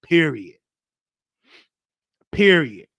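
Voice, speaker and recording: A man in his twenties with a Southern US accent, a show host telling a casual, animated story on a live stream in slangy, repeating phrases. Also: fairly high pitch, very slow, creaky, no room sound. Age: 20s.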